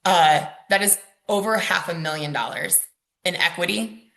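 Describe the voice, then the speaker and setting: A woman's voice: fairly low pitch, normal speed, gravelly, fairly bright tone. A woman, a mortgage lender, presenting a webinar over slides in a casual, chatty way with frequent ums and likes.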